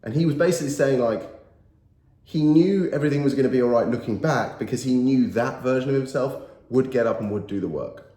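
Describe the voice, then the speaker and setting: With a mid-range, mellow voice and a slightly fast delivery, a motivational YouTuber in his thirties talks to camera while nasal from a cold. He is earnest and emphatic, repeating his main phrases, and the sound carries a roomy echo.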